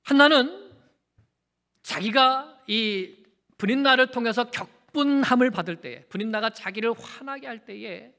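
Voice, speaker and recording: A man's voice: sits high, sharp tone. A man preaching a sermon as senior pastor. He puts rhetorical questions to the congregation and repeats phrases for emphasis. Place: large church sanctuary. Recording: long church-hall reverb.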